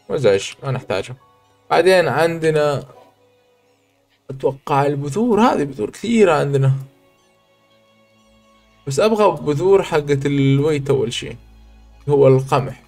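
A man, hosting a gaming channel, chatting through his gameplay and breaking into excited exclamations. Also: medium pitch. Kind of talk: let's play commentary.

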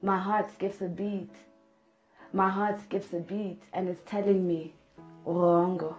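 A woman's voice: mid-range voice, little pitch movement, measured pace, soft background music, rough recording. A middle-aged woman performing spoken word poetry in a studio, with rhythmic delivery and repeated refrains that build in force. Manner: rhythmic, repeating refrains, rising to loud intensity. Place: studio with patterned backdrop.

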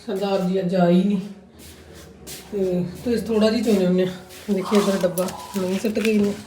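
A woman's voice: medium pitch, steady tone, normal speed. A woman of about forty, chatting casually for a home vlog in a homely, exclaiming, complaining aunty manner. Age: around forty. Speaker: vlogger. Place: outdoors in a farmhouse yard. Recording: clear background noise, outdoor ambience.

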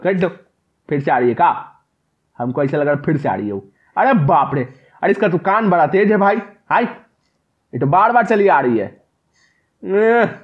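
A man's voice: on the high side, lo-fi sound. A man doing comic horror gameplay commentary, yelping and repeating words in panic and talking back to the game characters. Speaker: gaming commentator.

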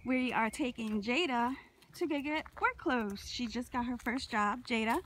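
A woman's voice: on the high side, moderate pace, fairly bright tone, a little hiss or hum. A woman in her thirties, a mother vlogging on a phone while walking a wooded park trail, chatting cheerfully to her viewers. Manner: chatty and upbeat, talking straight to viewers. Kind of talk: casual vlog narration. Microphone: phone held while walking.

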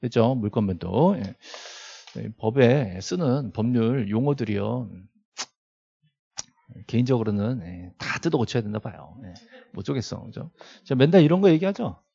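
A middle-aged male lecturer with a gravelly, mellow voice that swings up and down as he teaches law to a classroom. He keeps asking rhetorical questions and repeating key terms, with little joking asides to the students. The recording is dull and lo-fi. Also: mid-range voice, lively intonation, normal speed. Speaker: law lecturer at a real estate agent exam prep academy.

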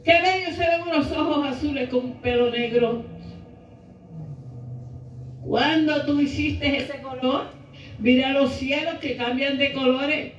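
A middle-aged woman preaching a sermon into a handheld mic in a small church hall, impassioned, rising into shouts and half-sung lines. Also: high-pitched, fairly even intonation, measured pace, pauses often, slight background noise. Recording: echoey room, camera far off, dull sound.

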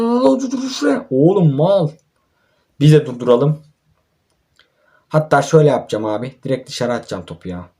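Young man, gameplay YouTuber, slightly high voice, fed up and grumbling at his players. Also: darkish tone. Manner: exasperated, ranting and swearing at his own team. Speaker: mobile football gamer and YouTuber. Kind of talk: gameplay commentary.

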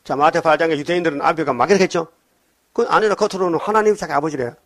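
A man's voice: on the high side, fast. Older man preaching, scolding. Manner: scolding, rhetorical questions to the congregation. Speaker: pastor. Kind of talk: sermon.

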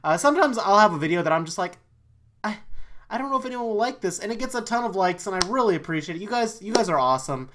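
A man giving let's-play commentary on a horror game, easily startled, swearing often, and talking himself into calming down. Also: high voice, quick pace, background noise. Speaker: YouTube let's player.

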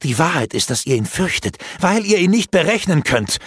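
A man's voice: very animated, moderate pace, slightly rough, dry recording, clean studio sound. A man voicing an earnest young female elf who pleads urgently in an audiobook. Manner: urgent, pleading, raised pitch.

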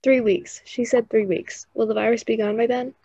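A woman's voice: a little high, fairly even intonation, normal speed, gravelly, mellow, dry recording, lo-fi sound. A young woman acting a bossy teenage theatre student who gives others instructions. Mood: uneasy. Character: bossy teenage girl, stage manager type.

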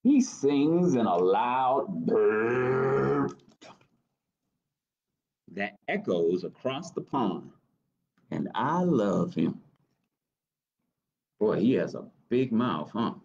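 Reading a children's picture book for library storytime, a middle-aged American man takes his time in a small indoor office. His very animated voice, creaky and darkish in tone, swings in pitch as he pauses for little questions, and the webcam audio is a bit dull.

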